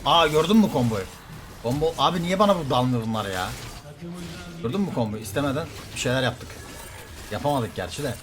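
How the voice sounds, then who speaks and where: A man streaming a game live, commenting excitedly, trash-talking opponents and calling out to his viewers. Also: mid-range voice, fairly quick, pauses often, over music. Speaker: gaming streamer.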